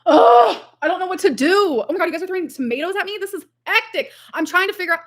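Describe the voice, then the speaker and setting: This woman's voice is extremely high-pitched, expressive and quick. She rambles casually on a livestream, reading out viewer comments and saying "like" constantly.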